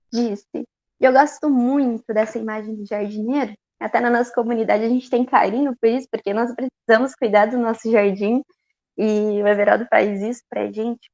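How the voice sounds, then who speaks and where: A woman with a Brazilian Portuguese accent giving a conversational Easter sermon, expressive and talking straight to the congregation. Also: a little high, muffled recording. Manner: expressive, talks straight to the congregation, laughs often. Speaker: preacher.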